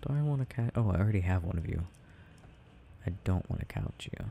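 With a creaky, low voice, lively intonation and fast talking, a man plays a sleepy, tender, sensitive boyfriend in a soft ASMR roleplay, rambling unhurriedly while he games. Absorbed and mildly puzzled, he murmurs to himself hesitantly and occasionally whispers, over slight background noise.

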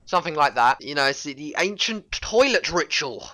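A young man giving rambling, stammering gameplay commentary that breaks into panicked yelling. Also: fairly high pitch, big pitch swings, moderate pace, no echo, low-quality recording. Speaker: gaming commentator.

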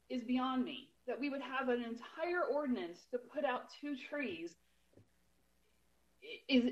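A woman on a city council giving steady, explanatory remarks at a meeting, pointed about bureaucracy. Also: fairly high pitch, lo-fi sound.

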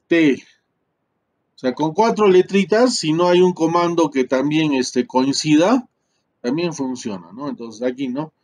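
Man, teacher, higher voice, unhurried and chatty, full of fillers. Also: darkish tone, muffled recording. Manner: slow, chatty, tag questions, many fillers. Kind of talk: live screen-share tutorial.

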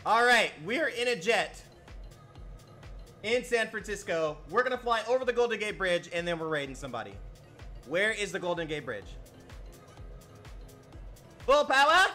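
Excitable high-voiced male streamer. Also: normal speed, long pauses, soft background music. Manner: excitable, swears a lot, laughs at himself. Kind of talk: live-streamed gameplay commentary.

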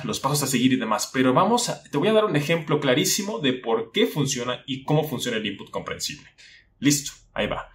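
A man's voice: medium pitch, a bit bright. Casual man explaining to the viewer. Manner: conversational, asks the viewer questions, acts out a teacher. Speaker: language-learning YouTuber.

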